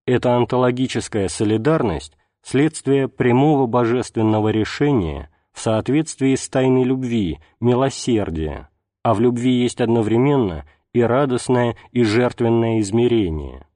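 A man reading a religious text aloud as an audiobook narrator, in a measured, unhurried way. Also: medium pitch, mellow, no room sound, studio quality. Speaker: audiobook reader.

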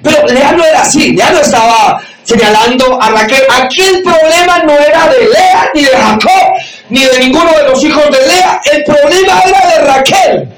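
A man pastor preaching a sermon loudly to a congregation, shouting for emphasis and acting out quoted voices. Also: extremely high pitch, moderate pace, distant mic. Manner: acts out quoted voices in dialogue. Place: church or meeting hall with audience. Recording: echoey room, mic from afar, audience noise.

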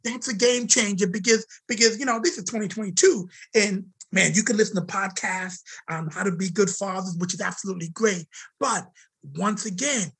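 A man guest telling a story in conversation, animated and emphatic. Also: high voice, a little fast, husky, rough recording.

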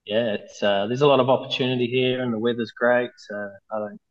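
A man with a broad Kiwi accent talks casually as an interview guest. His delivery is laid-back and hesitant, with little movement in pitch. The recording sounds slightly dull, with the top end rolled off. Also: fairly even intonation, fairly quick. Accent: broad New Zealand. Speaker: interview guest, mural artist.

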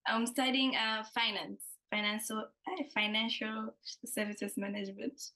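A young woman from Tanzania, a student and podcast guest, talking in a relaxed, giggly way. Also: fairly high pitch, moderate pace. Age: young adult. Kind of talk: interview conversation.

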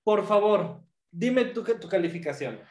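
A man's voice: high voice, lively intonation, unhurried, a little mellow, echoey room. A man with a Mexican accent co-hosting a casual, humorous film review, sardonic and mock-serious in his delivery. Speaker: co-host of a movie review show.

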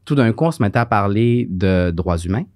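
A man's voice: lowish voice, expressive, fairly quick, darkish tone, no room sound, clean studio sound. A man with a Quebec French accent, co-hosting a podcast and telling stories in a rambling, casual way with many fillers. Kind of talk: casual conversation.

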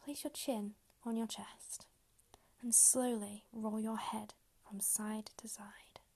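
Breathy whispering woman. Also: mid-range voice, fairly even intonation. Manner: slow, soft, unhurried instructions. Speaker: meditation guide. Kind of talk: whispered guided meditation.

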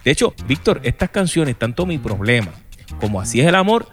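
A man's voice: mid-range voice, very animated, a little fast, a bit bright. Male host, emphatic and praising, chimes in on guest's lines, light music bed. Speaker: interview host. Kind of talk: salsa show interview.

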